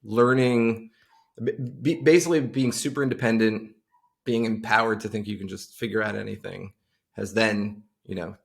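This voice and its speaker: A man in his forties from Long Island, speaking with a gravelly, creaky edge as a podcast guest. He rambles loosely, circling back with fillers and restarts as he talks over a video call. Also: lowish voice, steady tone, moderate pace. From Long Island, New York. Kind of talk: casual interview chat.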